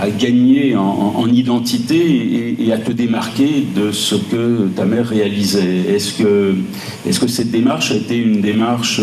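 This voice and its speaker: Slow, deep-voiced male interviewer. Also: a little mellow. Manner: slow, halting, many fillers. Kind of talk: public interview questions. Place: lecture room. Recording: echoey room with faint noise.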